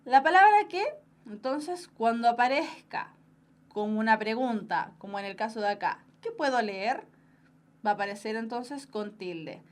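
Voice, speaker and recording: A woman's voice: a little high, normal speed. A young woman with a Chilean Spanish accent teaching an online exam-prep grammar class, explaining step by step and checking in with her students. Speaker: language teacher.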